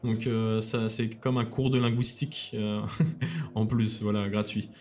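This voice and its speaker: A man's voice: fairly low pitch, steady tone, unhurried, a little mellow. A man co-hosting a casual podcast, presenting a city guide in a hesitant way with many fillers, dropping in dry jokes. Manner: hesitant, lots of fillers and restarts; dry joking asides.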